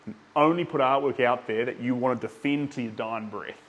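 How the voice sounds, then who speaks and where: Speaking a little fast, a young New Zealander with a medium-pitched, somewhat bright voice paints while chatting with his viewers, and the audio sounds dull. He rambles, saying um often, and reads chat names aloud.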